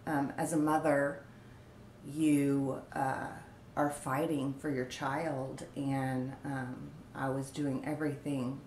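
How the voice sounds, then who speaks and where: Low, slow-talking woman telling her story. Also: flat delivery, a little mellow, reverberant, slight background noise. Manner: halting, many ums and pauses. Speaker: vlogger. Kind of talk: personal story told on camera.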